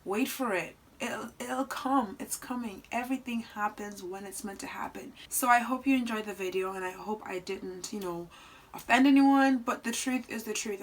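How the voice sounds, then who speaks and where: An earnest woman in her twenties gives advice in a casual vlog. Her voice sits in a middle pitch, and she moves between soft asides and loud, animated outbursts. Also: low-quality recording. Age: 20s. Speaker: vlogger.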